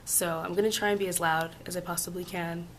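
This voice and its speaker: A woman vlogging casually about personal experiences in a halting way, hoarse and sick, her voice giving out into whispers. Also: fairly low pitch, fairly even intonation, a little hiss or hum. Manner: halting, hesitant, with long pauses. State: sick with flu and laryngitis. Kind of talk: casual personal storytelling to camera.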